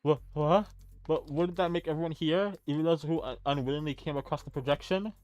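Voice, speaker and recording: A man's voice: on the high side, fairly quick, darkish tone, dry recording, soft background music. A man on a casual livestream with friends, reading game lines in a mock-formal way between jokes. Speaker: streamer voicing a game's dialogue.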